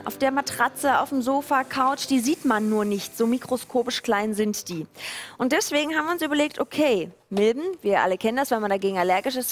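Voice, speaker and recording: A woman in her thirties co-presenting a teleshopping show in a studio, selling in an informal, conversational way. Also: fairly high pitch. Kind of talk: chatty sales pitch. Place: TV studio set. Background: background music.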